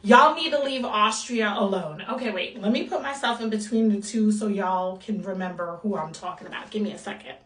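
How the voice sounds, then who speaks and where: A woman's voice: medium pitch, fairly quick, hardly any pauses, fairly bright tone, echoey room, far from the mic. A woman from the United States giving a blunt, sassy movie review in a casual rant. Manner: sassy, exasperated, blunt with mild swearing.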